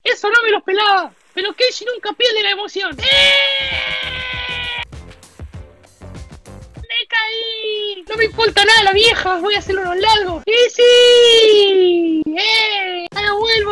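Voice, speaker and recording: A woman's voice: very high voice, fairly even intonation, brisk, sharp tone, faint music behind. A woman voicing a boastful, lonely male talking tomato can with an Argentine accent, in a comic house-tour sketch, cheeky and self-pitying. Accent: Argentine Spanish.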